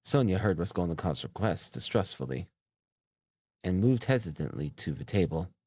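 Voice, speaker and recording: Man, audiobook narrator, low voice, measured reading, dry close recording. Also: sing-song, darkish tone, husky, no echo.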